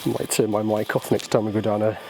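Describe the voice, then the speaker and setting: A man's voice: fairly low pitch, flat delivery, fast, noisy background. A man filming himself in a slate mine, chatting casually with viewers and sometimes out of breath. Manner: chatty, laughs often, addresses viewers as folks. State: out of breath at times. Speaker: channel host filming underground. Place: inside a large slate mine. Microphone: handheld camera mic.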